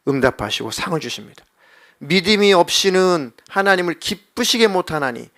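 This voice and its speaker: A middle-aged man preaching a sermon as a pastor in a church, animated and acting out voices as he talks. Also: a little high. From South Korea. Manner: animated, acts out children's and God's voices. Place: church sanctuary.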